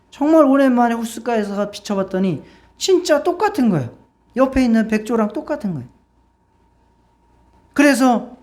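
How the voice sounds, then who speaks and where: A woman's voice: medium pitch, darkish tone. A woman pastor preaching in church, telling a story and asking the congregation questions. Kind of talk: sermon with storytelling.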